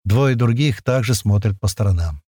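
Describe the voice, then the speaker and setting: A man narrating a first-person audiobook in a lively, slangy, conversational way. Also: lowish voice, normal speed, dry recording, clean studio sound.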